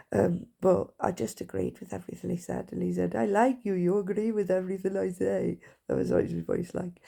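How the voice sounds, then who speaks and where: A woman speaking frankly and haltingly to a phone camera, sharing a personal account. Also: lowish voice, gravelly, dark tone, breathy edge. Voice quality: frank, halting, reflective speech. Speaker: vlogger.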